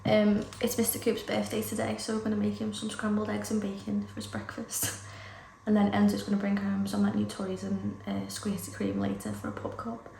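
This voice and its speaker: With a cold and sore throat, a British woman chats to camera for her vlog, rambling and using lots of fillers. Her medium-pitched voice is monotone with vocal fry and runs a little fast. She is recorded from a distance, off-mic, in an echoey room with loud background noise.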